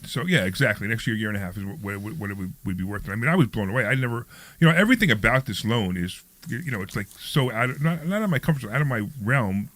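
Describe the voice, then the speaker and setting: A man's voice: on the low side, lively intonation, fast talker, a bit bright, no echo. A man in his sixties hosting a radio talk show, chatting casually, rambling with frequent restarts. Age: 60s.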